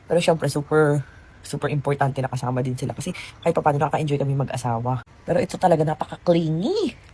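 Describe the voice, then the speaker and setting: Young woman vlogger, rapid rambling chatter, faint room hum behind. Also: deep voice, animated, mellow. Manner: chatty, rambling, full of fillers. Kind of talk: casual storytelling vlog. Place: hotel room.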